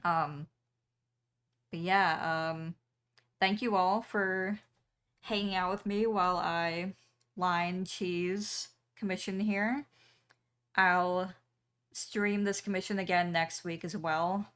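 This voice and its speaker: A woman's voice: lowish voice, steady tone, takes it slowly, pauses often, a bit bright, smooth. A young woman streamer chatting casually with her viewers while she draws, with frequent ums and small laughs. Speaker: streamer and artist.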